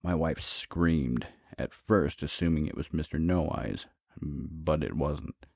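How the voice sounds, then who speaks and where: Brief: very low, gravelly male narrator for horror tales, dry and slightly lo-fi. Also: darkish tone, no room sound. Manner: measured, dramatic. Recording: dull, dry, lo-fi.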